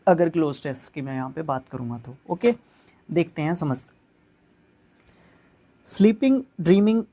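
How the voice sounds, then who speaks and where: A male teacher leads an exam-prep grammar lesson in a warm, mellow voice that sits a little high. He explains each step plainly and keeps checking that his students are following along.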